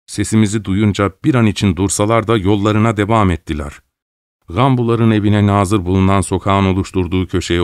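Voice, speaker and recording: A man reading an audiobook in a measured, dramatic storytelling manner. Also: on the low side, a little mellow, smooth, no echo, clean studio sound. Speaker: audiobook narrator. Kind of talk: scripted audiobook narration.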